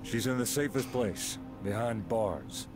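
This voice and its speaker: A man playing a gruff, stern, ominous old small-town sheriff in a video game. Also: lowish voice, lively intonation, a little slow. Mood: terse, grim. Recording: music behind the voice.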